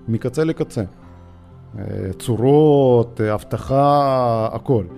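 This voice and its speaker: A man in his forties with a Russian accent tells his own story as a podcast guest. His voice is mellow and warm, and he speaks haltingly, often pausing on filler sounds. Faint music plays underneath. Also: mid-range voice. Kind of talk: personal storytelling.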